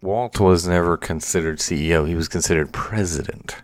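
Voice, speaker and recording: A man with a deep, low voice hosts a casual podcast. He is relaxed and chatty and laughs easily. The sound is dry and close, with no room around it. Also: brisk, no echo. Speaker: podcast host.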